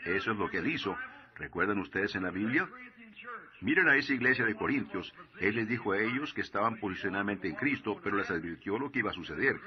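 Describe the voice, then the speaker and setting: A man preaching a sermon, telling a story and slowing down to stress his warnings. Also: fairly low pitch, expressive, muffled recording, a crowd in the background. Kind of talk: sermon in Spanish voice-over.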